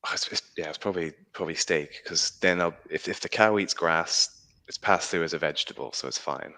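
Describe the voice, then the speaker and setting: A man's voice: deep voice, a little fast, bright, forceful tone. A young man from Singapore, a guest in a casual chat, thoughtful and a bit hesitant, often repeating words.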